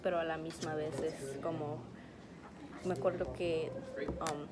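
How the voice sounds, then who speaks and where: A woman's voice: deep voice, little pitch movement, measured pace, a loud crowd. A young woman answering interview questions hesitantly, mixing Spanish and English with many fillers. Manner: hesitant, many ums and likes. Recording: loud background noise.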